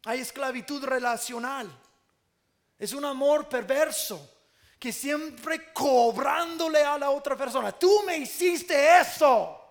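A man's voice: very high voice, gravelly. A man preaching a sermon as pastor, earnest with playful asides, speaking Spanish with an American English accent.

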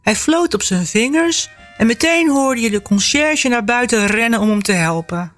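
A woman author reading from her own novel, then talking about the memories behind it in a lively, storytelling way. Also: fairly high pitch, normal speed, soft background music. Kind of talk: novel reading and personal reflection.

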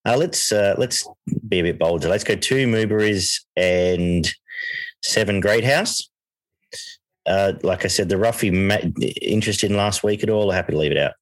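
A man's voice: fairly low pitch, moderate pace, no echo, low-quality recording. An Australian man hosting a horse racing preview in a casual, conversational way, thinking aloud as he gives his tips. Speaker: horse racing podcast host and tipster.

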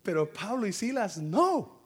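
A man preaching a lively sermon as pastor, acting out scenes, calling out sound effects and laughing. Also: sits high, a little slow. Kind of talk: energetic bilingual sermon. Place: church.

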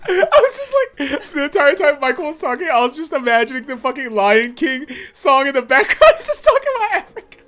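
A man's voice: extremely high pitch, very animated, fairly bright tone. A man hosting a podcast in casual chat, joking and swearing freely. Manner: joking, swearing, quick to laugh. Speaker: podcast host.

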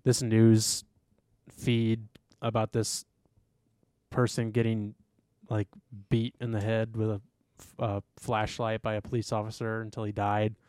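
A man's voice: fairly low pitch, a little slow, no room sound, studio quality. A young man co-hosting a podcast in casual chat, rambling with lots of fillers and swearing. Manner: rambling and animated, many fillers and curse words. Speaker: podcast co-host.

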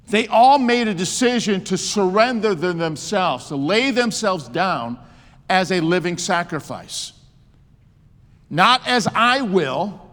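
A man's voice: sits high, a bit bright. A man in his sixties preaching a sermon with emphasis and joking asides. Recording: long hall reverb.

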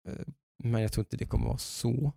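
A man's voice: medium pitch, steady tone, creaky, mellow, no echo, studio quality. A man chatting casually as a podcast host, hesitant and full of restarts, who slips English phrases into his talk. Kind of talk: casual chat.

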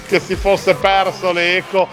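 Guy hosting a radio show, casual teasing chat, halting phrases, light music under him. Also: sits high, little pitch movement, a bit bright. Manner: teasing, chatty, halting phrases with tag questions.

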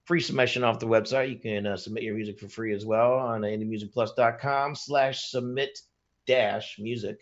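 A man's voice: mid-range voice, fairly even intonation, normal speed. Casual male music-show host, easygoing jokey patter, dull lo-fi stream sound. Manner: laid-back, joking, loose with fillers. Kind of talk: casual live-stream chat. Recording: slightly dull lo-fi stream audio.

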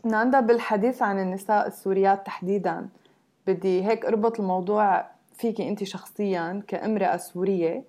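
A woman's voice: mid-range voice, a little mellow. A woman with a Levantine Arabic accent asks questions as an interviewer in a conversational style.

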